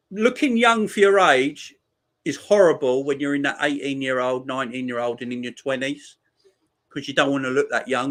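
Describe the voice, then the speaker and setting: A forty-year-old man hosting a football watchalong stream, chatting easily with his viewers. His talk is relaxed and slangy, and he laughs often between his lines. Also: mid-range voice. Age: 40s. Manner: laid-back banter, laughs often, slangy. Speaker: livestream host. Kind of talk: casual chat reading viewer comments.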